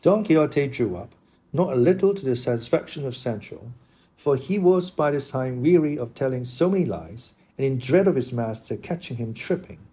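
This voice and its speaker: A man narrating a classic novel as an audiobook in a steady, measured reading. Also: medium pitch, husky.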